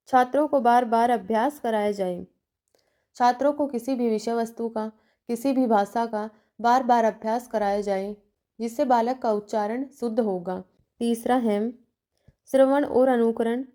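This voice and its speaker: A woman's voice: on the high side, mellow. A woman giving a teacher-training lecture, working through numbered points with examples and checking in between them. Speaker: teacher educator.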